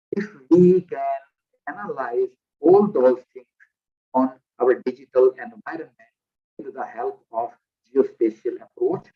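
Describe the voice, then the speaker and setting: A man's voice: mid-range voice, breathy edge. A man giving a visiting lecture online through a headset, explaining at a careful pace with restarts. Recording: muffled lo-fi video call audio.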